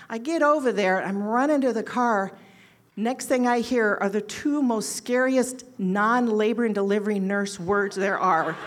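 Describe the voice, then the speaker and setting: A woman in her sixties, an oncology nurse, telling a story to an audience and acting out quoted lines with sudden jumps in pitch and loudness.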